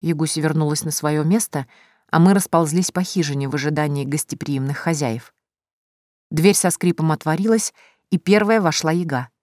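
A woman narrating a fairy-tale audiobook in first person, lively and expressive. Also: deep voice, normal speed, no room sound, studio quality.

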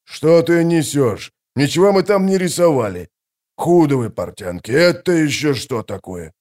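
A man narrating an audiobook, voicing a gruff, grumbling male sapper. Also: on the high side, animated, normal speed, darkish tone, natural voice. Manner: grumbling, blunt.

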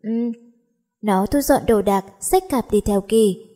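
A woman narrating a Vietnamese romance audiobook in a steady, even reading voice. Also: medium pitch, measured pace. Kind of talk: scripted story narration.

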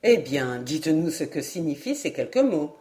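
A woman reading the part of a calm, methodical Scottish lord in an audiobook. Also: low voice, moderate pace.

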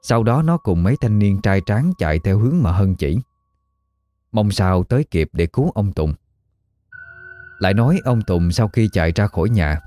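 A man's voice: fairly low pitch, dark tone. A man narrating a ghost story in a dramatic, suspenseful way.

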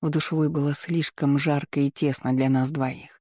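A man reading a first-person romance novel aloud in a calm, even, unhurried way. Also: on the high side, no room sound, clean studio sound. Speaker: audiobook narrator.

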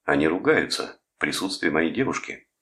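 Guy doing a stern young soldier, super deep, gravelly edge. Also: expressive, moderate pace, a bit bright, heavily acted. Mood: angry. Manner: stern, curt. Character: tall young male soldier, angry.

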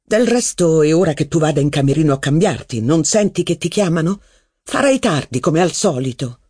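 A man voicing a jealous, gloomy young aristocratic officer in an audiobook, speaking slowly. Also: fairly high pitch, sing-song, darkish tone, husky, dry recording, clean studio sound. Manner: slow, brooding, pleading. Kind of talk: audiobook character voice.

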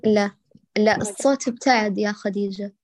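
A woman teaching Quran recitation to a student, patiently correcting her and stretching out sounds slowly to show how they should be said. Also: mid-range voice, fairly even intonation. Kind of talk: one-on-one recitation coaching.

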